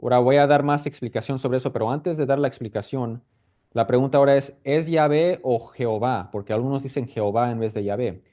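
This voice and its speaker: A man at a middle pitch teaches a casual Bible lesson. He explains carefully, repeats key points, and checks in often with quick questions. His delivery is halting, with frequent restarts. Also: steady tone, warm tone.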